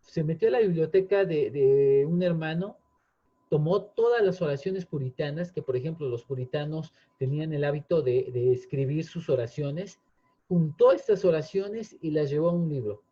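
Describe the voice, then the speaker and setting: A man's voice: a little high, normal speed, dark tone. A man, earnestly explaining in casual chat, often restarting with fillers. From Mexico. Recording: dull lo-fi sound.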